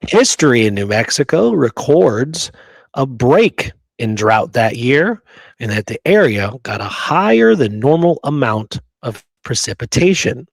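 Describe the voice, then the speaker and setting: The podcast co-host sounds very animated and gravelly, speaking a little slowly at a medium pitch in a dry recording. He talks emphatically through the casual discussion, often adding quick questions like "right?" and "okay?".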